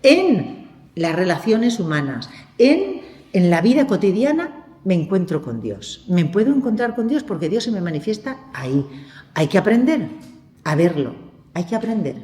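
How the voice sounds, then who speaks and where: A woman from lectures on spirituality with a very lively, swooping pitch, often doubling words and asking her listeners questions. Her voice rings through a large, echoey lecture hall with a long reverb tail. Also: normal speed. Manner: animated, repeats words, asks listeners questions. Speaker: speaker at a theology week for lay people.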